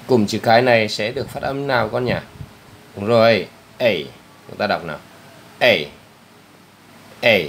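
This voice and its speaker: A man teaching an English lesson to young children, patiently repeating each word slowly for the pupil to copy. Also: lowish voice, fairly bright tone, slight background noise. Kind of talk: step-by-step spoken lesson for children.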